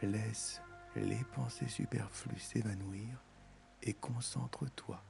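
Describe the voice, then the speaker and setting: Male meditation guide, lowish voice, very slow, soothing, intimate and right in your ear, close mic. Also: fairly even intonation, vocal fry. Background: music.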